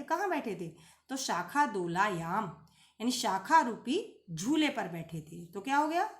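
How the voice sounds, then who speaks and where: A woman teacher explains a textbook lesson patiently, asking questions and answering them herself, and recites word forms slowly. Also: high voice, roomy sound. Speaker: Sanskrit teacher.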